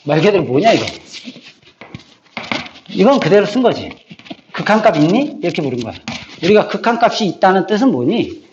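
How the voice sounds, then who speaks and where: A man teaching high school math in a classroom, bluntly ranting and quizzing students with repeated prompts. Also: very animated, brisk, long pauses, background noise. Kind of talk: classroom lecture. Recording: echoey classroom, dull lo-fi sound.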